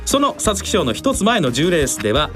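A man presents on a radio racing show with ultra-polite, formal announcer phrasing. His voice sits fairly high and moves through a very wide, lively range, with faint music underneath. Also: fairly quick.

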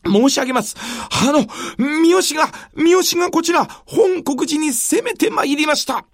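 A storyteller voicing a male retainer bringing news, hurried and deferential. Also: sits high, lively intonation, vocal fry, fairly bright tone, no room sound, clean studio sound, pitched above the performer's own voice, full character voice. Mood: urgent. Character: breathless loyal retainer messenger, male.

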